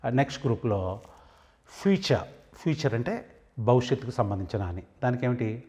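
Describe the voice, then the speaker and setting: A man teaching English vocabulary, slowly saying each word and then explaining what it means. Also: mid-range voice, animated, warm tone. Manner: slow, deliberate, repeats and stresses each English word before explaining it. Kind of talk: vocabulary lesson.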